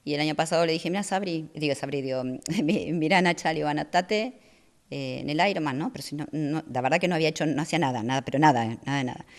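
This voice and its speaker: A middle-aged woman, talking as a guest in a casual interview, soft-spoken and hesitant with many fillers. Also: sits low, fast. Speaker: guest athlete.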